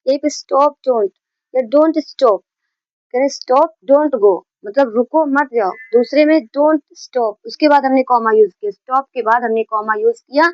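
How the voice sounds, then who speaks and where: A woman's voice: high voice, no room sound, dull audio. A woman teaching a grammar lesson, explaining patiently, repeating key points and mixing in English terms.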